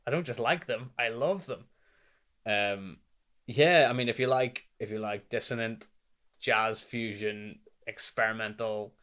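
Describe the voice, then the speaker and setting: A young man with a Northern Irish accent, chatting casually about albums he has listened to, rambling and animated with lots of fillers. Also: on the low side, clear, resonant tone. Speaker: music reviewer. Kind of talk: casual chat.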